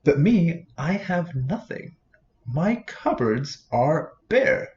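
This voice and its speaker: A man voicing a sad, gentle male bear who talks slowly and sighs in a children's storybook reading. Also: on the high side, very animated. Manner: slow, sighing and downcast. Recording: roomy, dull-sounding recording.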